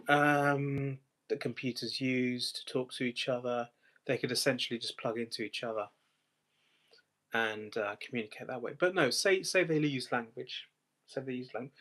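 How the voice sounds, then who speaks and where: A man's voice: mid-range voice, fairly bright tone. A man hosting a live stream, thinking aloud in a rambling, speculative monologue full of restarts.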